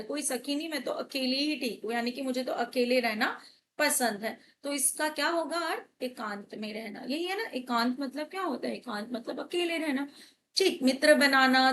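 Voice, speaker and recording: High-voiced woman teaching exam answers. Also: fairly bright tone, slight background noise. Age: young adult. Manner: explanatory, asks and answers own questions. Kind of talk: exam paper walkthrough lesson.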